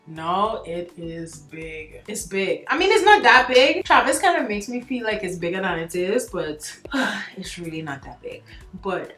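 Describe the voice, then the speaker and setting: A woman from Trinidad and Tobago, chatting casually in a beauty vlog at home, expressive and full of "like" and "y'all". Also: medium pitch. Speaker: beauty YouTuber. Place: home, indoors, getting ready for bed. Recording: echoey room.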